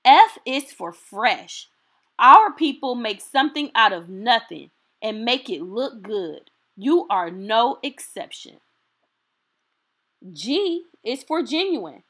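A woman hosting storytime reads a children's picture book aloud in a voice on the high side. Her reading is expressive, deliberate and encouraging.

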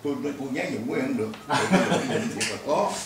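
A man's voice: mid-range voice, animated, racing, over a noisy crowd. An older man chatting casually and reminiscing, laughing often as he talks. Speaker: guest. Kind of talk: casual chat. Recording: echoey room, mic far off, background noise.

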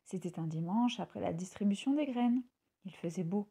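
A woman reading a children's story aloud in an expressive storybook manner. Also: mid-range voice, normal speed, husky.

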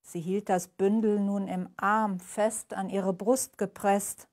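Slow, measured woman reading aloud. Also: medium pitch, level tone, darkish tone. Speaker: author. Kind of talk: reading aloud from her novel. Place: live reading event.

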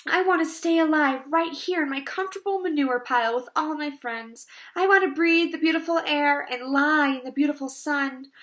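A woman voicing a frightened young male pig who pleads in a high, panicky voice. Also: very animated, moderate pace, few pauses. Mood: tearful.

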